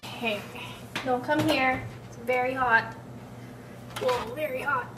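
A woman's voice: high voice, steady tone, slow, loud music behind the voice, poor audio. A woman and mother cooking at home, chatting casually to herself and her kids, sometimes dropping to a whisper. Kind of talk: casual cooking vlog chat. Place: home kitchen, indoors. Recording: loud kitchen noise with sizzling food.

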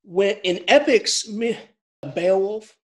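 The speaker, a man whose voice sits high, lectures on English slowly but with animation and a casual tone. Sentences often get restarted, and he chuckles through his asides.

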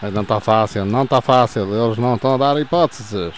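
A man in his fifties with a European Portuguese accent, doing playful football commentary over his own gameplay, yelling goal calls and cheering players on between calm score recaps. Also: mid-range voice, fast talker, slight background noise. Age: 50s. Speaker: gaming channel host.

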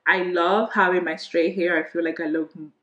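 Her lowish, slightly bright voice stays steady at a moderate pace as this Dominican beauty vlogger in her twenties answers questions to camera. A native Spanish speaker with a Dominican accent, she talks casually and ramblingly from her bedroom, chatty, gesturing, with trailing restarts. The recording is reverberant and lo-fi.

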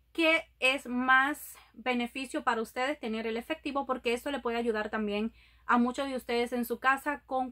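A young woman with a high, bright-pitched voice talks straight to camera in a casual vlog. She speaks affectionately and chattily to her viewers, calling them her loves. The sound is close and clean. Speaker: YouTube vlogger. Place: indoors in front of a green sequin backdrop.

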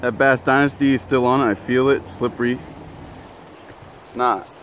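A young man hosting a fishing vlog outdoors by a pond, chatting and laughing, yelling when fish bite. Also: mid-range voice, steady tone, normal speed, slight background noise. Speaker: fishing channel host. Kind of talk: excited outdoor vlog chat.

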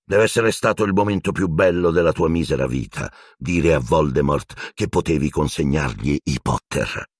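A man's voice: very deep voice, breathy edge, no echo. A man voicing a bitter escaped prisoner wizard who speaks in a cold, growling, venomous way. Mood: furious. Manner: cold, accusing, slow menace.

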